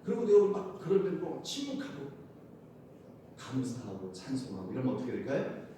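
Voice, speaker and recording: A man preaching a sermon as pastor, lively and playful, often laughing and calling out to the congregation. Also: normal speed. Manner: animated, shouts acted crowd cries, laughs often. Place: church sanctuary. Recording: loud echo, from far off, faint rumble.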